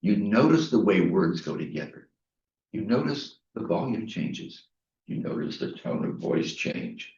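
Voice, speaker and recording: A man's voice: low-pitched, big pitch swings, unhurried, creaky, a little mellow, far from the mic. A man giving a prepared inspirational speech at a club meeting, storytelling with emphatic repetition. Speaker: Toastmasters speaker. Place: meeting room. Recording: echoey room, mic from afar, dull.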